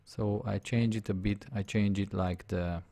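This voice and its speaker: A native Hungarian speaker with a Hungarian accent talks through a live drawing tutorial, narrating each on-screen step and often checking that the viewer is keeping up. His voice is lowish, mellow and steady, a little slow, with some vocal fry.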